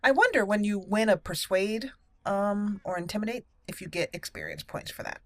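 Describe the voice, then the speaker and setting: A woman hosting a gaming channel's let's play playfully switches between in-character lines and casual commentary. Her mid-range voice moves at normal speed on a dry recording, indoors with game audio behind her.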